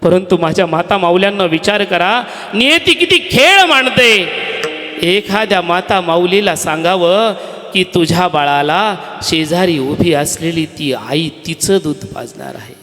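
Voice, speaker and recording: A man telling a devotional story as a kirtan preacher, dramatic, dropping to hushed tones and rising to shouts. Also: sits high, unhurried. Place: hall with an audience. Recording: long hall reverb.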